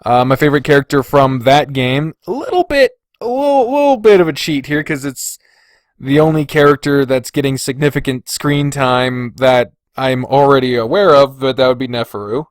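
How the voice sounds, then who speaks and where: A podcast host working solo talks through a casual ranking in a medium-pitched voice at a moderate pace. He thinks aloud with loose, informal phrasing, and the recording is clean studio sound with no room noise.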